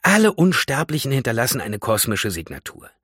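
A man voicing a condescending young female tree nymph in a storybook reading, raised high above his own voice. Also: sing-song, a little fast, a bit bright, slightly rough, no room sound, studio quality. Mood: haughty. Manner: condescending, know-it-all.

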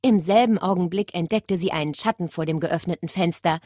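A woman narrating a children's story in a lively, expressive reading. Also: on the low side, brisk, no echo, studio quality.

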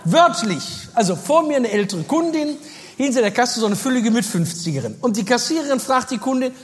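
Woman stand-up comic, high and very lively delivery, reverberant hall. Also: a little fast. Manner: lively, animated storytelling. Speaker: comedian. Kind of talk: stand-up storytelling.

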